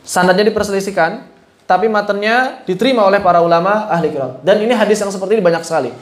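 A male Quran recitation teacher leads an informal religious lesson, speaking fast in a casual, chatty tone and often stopping to question the class. His voice sits high in a noticeably echoey room, and he moves easily between everyday talk, careful explanation, and chanted Arabic.

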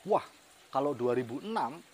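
A man's voice: medium pitch, animated, normal speed, a little mellow, husky. A middle-aged man telling a personal story in a vlog, chatty and motivational, laughing often. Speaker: network marketing team leader.

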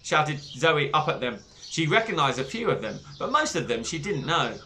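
A man reading a children's book aloud with animated, expressive storytelling. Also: a little high, normal speed. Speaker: book club reader.

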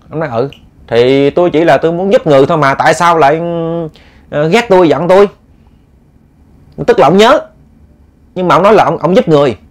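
Chatty Southern Vietnamese man telling tales. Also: mid-range voice. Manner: chatty, addresses listeners directly, acts out quoted lines. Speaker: ghost story narrator. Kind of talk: casual storytelling.

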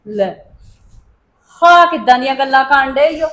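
A woman acts out a young wife in a homemade family drama, high-pitched and defensive. She pleads and argues back against blame. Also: animated, normal speed, a bit bright. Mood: indignant. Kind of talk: amateur family drama acting.

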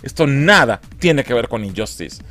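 A man's voice: mid-range voice, lively intonation, moderate pace, bright, forceful tone. A man with a Mexican accent reviewing a film in a comedic way, mocking, exasperated and crude. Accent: Mexican Spanish.

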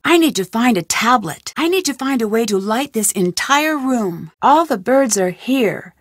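Voicing a game heroine, a woman plays a curious, determined young detective who thinks aloud while searching for clues. Her fairly high voice is expressive and measured in pace. The sound is clean studio audio with no room sound.

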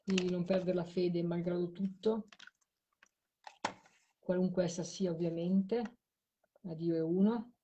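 Woman, live stream host, tired, mellow tone, faint hiss and keyboard clicks. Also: on the low side, fairly even intonation, unhurried, pauses often, highs cut off. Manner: talks to a caller while replaying audio clips. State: tired late at night. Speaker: host of a live show on spirit voice recordings.

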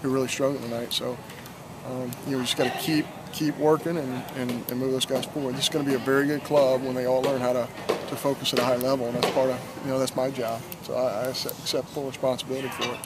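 A middle-aged man speaks as a baseball coach in a postgame interview, talking fast in an even, flat tone. He is earnest and measured, often repeating a word as he restarts a thought. He was recorded close up on a camcorder in an outdoor stadium at night, with clear outdoor noise behind him. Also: medium pitch.

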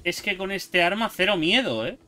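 A young man giving jokey, excitable commentary while playing a survival game, yelping at sudden scares. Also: sits high, normal speed. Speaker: gaming YouTuber. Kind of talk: gameplay commentary.

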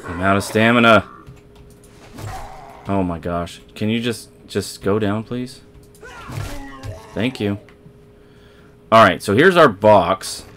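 Low-voiced guy narrating his survival game run, rambly, keeps restarting sentences. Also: slow, pauses often, a bit bright, faint music behind. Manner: rambling, self-correcting, talks to viewers while playing. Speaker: let's play host. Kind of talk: casual gameplay commentary.

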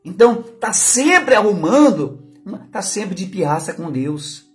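A Brazilian pastor with a high voice preaching in church. He is emphatic and swings from loud declarations to quiet asides. Soft music plays faintly behind him. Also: sing-song, measured pace. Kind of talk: sermon.

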